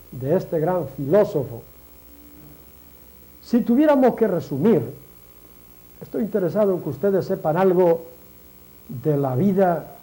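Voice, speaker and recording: A man giving a reflective sermon, speaking slowly and deliberately, repeating phrases for emphasis and addressing listeners directly as friends. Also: sits high, dark tone, rough recording. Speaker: religious speaker.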